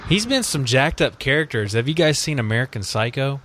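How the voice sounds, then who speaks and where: A man's voice: medium pitch, very animated, a little fast, a bit bright, slight background noise. A man hosting a casual podcast chat, rambling and joking, often laughing mid-sentence. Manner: rambling, jokey, laughs a lot. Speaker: host.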